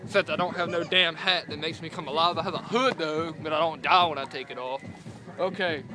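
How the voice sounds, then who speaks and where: A young Southern US man with a high voice reviews things casually in the open air. He talks around a lip full of dip and spits, rambling and cursing freely. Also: a little fast, over music. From North Carolina, USA. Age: young adult. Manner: profane, rambling. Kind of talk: casual outdoor review vlog. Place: outdoors in a rural yard by parked vehicles. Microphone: camera set on a car, about a meter away.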